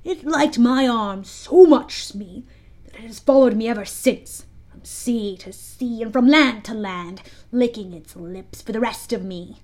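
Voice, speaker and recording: A woman voicing a vain, brooding, menacing pirate captain from a storybook, with dark, theatrical, emphatic delivery. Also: fairly high pitch, measured pace. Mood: haunted dread.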